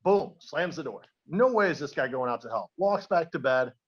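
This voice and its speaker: A man's voice: a little high, expressive, moderate pace, dull audio. A man hosting a casual podcast, rambling and self-deprecating as he tells a joke. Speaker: podcast host.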